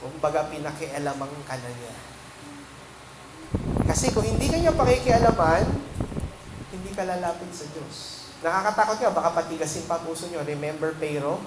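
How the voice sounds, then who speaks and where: Filipino man, pastor, fairly high voice; asks the congregation questions as he preaches; echoey, noisy church recording. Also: expressive, normal speed, pauses often. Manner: asks the congregation questions, mixes English phrases into Tagalog. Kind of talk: sermon. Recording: echoey room with background noise.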